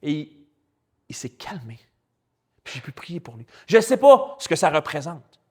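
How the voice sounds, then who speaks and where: A man with a Québécois French accent, a pastor preaching a sermon in a lively, colloquial storytelling way. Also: fairly high pitch, moderate pace, breathy edge. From Quebec. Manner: animated, colloquial and chatty, with spoken English slang.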